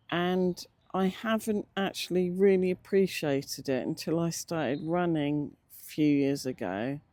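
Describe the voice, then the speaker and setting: Older English casual vlogger, medium pitch, relaxed timbre, slightly toothless diction, reflective and hesitant. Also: no room sound. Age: middle-aged or older. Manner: slightly slurred toothless speech, stumbles on words; hesitant, reflective, with many pauses. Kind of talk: casual unscripted vlog narration. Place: outdoors, sitting in a cemetery beside a road.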